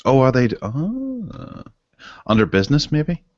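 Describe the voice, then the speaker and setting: A man hosting a casual tech podcast over an online video call, chatty and relaxed as he leads the segments. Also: medium pitch, measured pace, no room sound, lo-fi sound. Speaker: podcast host.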